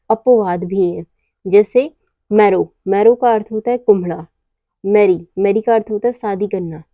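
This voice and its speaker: A woman giving a slow English lesson, pausing often and answering her own questions. Her mid-range voice sits close to the mic with no room echo. The sound is a little muffled and lo-fi. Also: mid-range voice. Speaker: English teacher.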